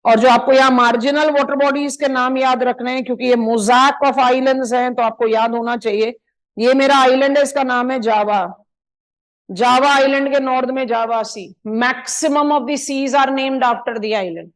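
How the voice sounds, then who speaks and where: A woman with an Indian accent teaching a live online geography map lesson, switching between Hindi and English and drawing on a map as she explains, drawing out key place names slowly. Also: high voice, fairly even intonation, low-quality recording.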